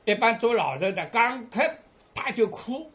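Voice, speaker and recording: A woman preaching a sermon to her congregation, padding phrases with drawn-out "ah" fillers and asking listeners rhetorical questions. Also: fairly high pitch, expressive.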